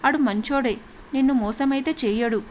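A woman narrator voices a worried middle-aged village housewife, who soothes others in a motherly way. The voice sits fairly high, with a faint hiss behind it. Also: moderate pace, darkish tone, lightly acted.

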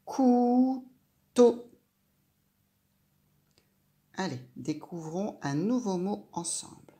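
A woman teaching a reading lesson to a young child, sounding out syllables slowly and clearly and asking the child questions. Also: low voice, expressive, warm tone. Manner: slow, clear, syllable by syllable, addressing the child directly.

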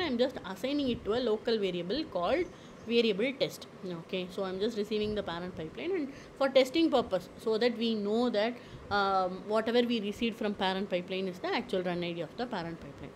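Woman explaining software steps. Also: mid-range voice, a little hiss or hum, low-quality recording. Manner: explanatory, frequent fillers and okays. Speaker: tutorial presenter. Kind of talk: screen-recorded software tutorial.

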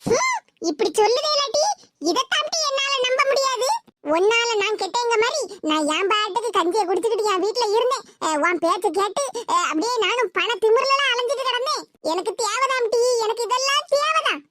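A woman voicing a harsh, scolding old village mother-in-law with a Tirunelveli accent in an animated cartoon. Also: very high-pitched, fairly quick, no echo. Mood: stern. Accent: Tirunelveli Tamil. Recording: hissy home recording.

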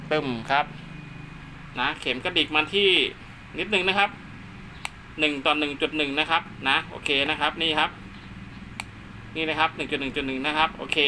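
A man with a mid-range voice, over a slight hiss or hum, narrates a casual hands-on demo of radio equipment from a room at home by a window. He's an amateur radio hobbyist vlogger who talks steadily and politely, closing nearly every phrase with a polite particle.

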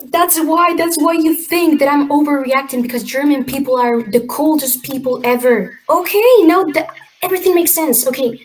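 Expressive young woman arguing in a chat. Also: sits high, moderate pace, slight background noise. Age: 20s. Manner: expressive, animated, argumentative. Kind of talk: casual video chat. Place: room indoors.

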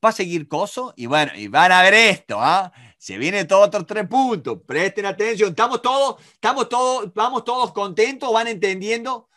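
A middle-aged man with an Argentine Spanish accent teaches negotiation in a live online class, lively and talking to students by name with frequent checks on whether they follow. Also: sits high, moderate pace, hardly any pauses. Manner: animated, talks to students by name, many rhetorical checks. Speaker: negotiation instructor.

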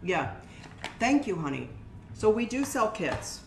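An older woman teaching a craft workshop in her shop speaks at medium pitch, sing-song and a little slow, with a gravelly quality and a little hiss or hum on the audio. She explains hands-on steps plainly, staying chatty and practical and calling viewers "guys." Faint music sits behind her in the roomy, brick-walled indoor workspace.

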